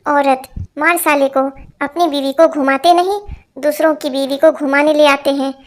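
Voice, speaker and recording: A woman reading a string of short jokes aloud as scripted narration, giving every part in one even voice. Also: high voice, moderate pace.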